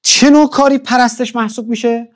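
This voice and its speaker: Speaking at an extremely high pitch in a steady tone, this man leads a church class conversationally, repeatedly putting questions to the audience and checking his pronunciation of foreign words.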